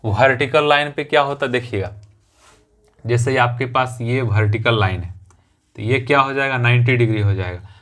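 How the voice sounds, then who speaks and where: A man's voice: medium pitch, normal speed, fairly bright tone. A man teaching a math lesson in a classroom, explaining step by step, repeating key phrases and checking in with his students.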